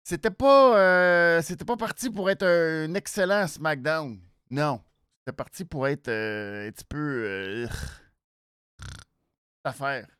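A host with a nasal voice and a Quebec French accent gives a casual show recap, halting and repeating words for emphasis. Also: medium pitch, clear, resonant tone, no echo, clean studio sound. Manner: animated, hesitant, halting phrases with repeats for emphasis. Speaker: wrestling show review host.

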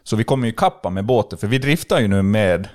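A young man telling a story in a casual podcast chat, animated and full of fillers and restarts. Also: on the low side. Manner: animated, acts out dialogue, lots of fillers and restarts. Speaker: podcast guest.

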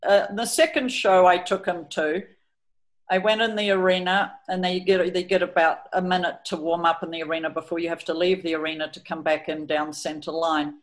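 A woman's voice: fairly low pitch, flat delivery, brisk. Chatty New horse trainer woman. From New Zealand. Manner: chatty, hesitant with fillers, voices her horse's thoughts. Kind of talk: explaining training over a video, storytelling.

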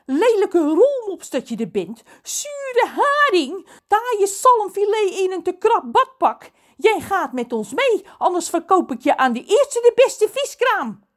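A woman voicing a hot-tempered man who stutters and shouts insults when he is angry. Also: very high voice, very animated, slow, pitched above the performer's own voice, full character voice. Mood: furious. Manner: furious, stuttering. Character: hot-tempered male pirate-rescuer, sputtering.

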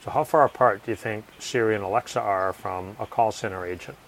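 Confident emphatic man, slightly low voice. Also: a little fast, low-quality recording. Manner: confident, emphatic, repeats key phrases. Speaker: author and guest. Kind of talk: conversational interview.

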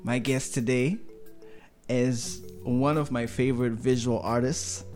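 A man hosting a casual podcast interview, talking in a relaxed way with fillers and quick affirmations. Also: medium pitch, soft background music. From Africa. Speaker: podcast host.

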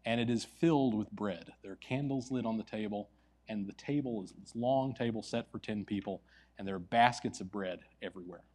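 A male preacher telling a story in a sermon, swinging between loud stretches and hushed ones. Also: on the low side, fairly quick, slightly rough.

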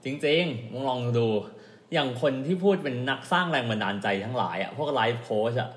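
A man's voice: medium pitch, lively intonation, brisk, roomy sound. A man co-hosting a podcast in casual chat, talking in a blunt, teasing way. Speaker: podcast co-host.

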